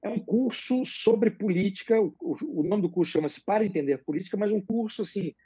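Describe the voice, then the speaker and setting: A man explaining political ideas as a guest in a live interview, measured and hesitant, with many fillers. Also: high-pitched, mellow, breathy edge, dry recording, muffled recording.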